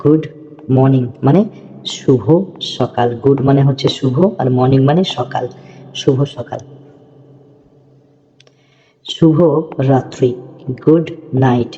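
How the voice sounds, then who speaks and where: A man gives a slow, patient language lesson in a very dark, mellow voice. He repeats each word and keeps checking that his students follow. The audio is dull and lo-fi, with a long reverb trailing behind him. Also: medium pitch, fairly even intonation. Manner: patient, repeats words, often checks understanding. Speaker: English teacher.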